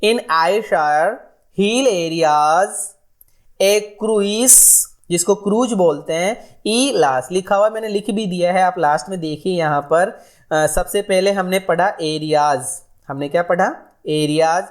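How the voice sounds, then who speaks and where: A woman teaching an exam-prep lesson. She asks her own questions and answers them, and reads the English examples slowly and deliberately. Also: fairly low pitch, darkish tone. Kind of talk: exam-prep lecture, explaining in Hindi.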